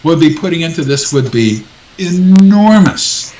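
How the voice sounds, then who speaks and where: A man's voice: on the high side, expressive, unhurried, darkish tone, reverberant, distant mic. An older man being interviewed as a guest researcher on a live talk show, talking in an emphatic, insistent way and repeating his points.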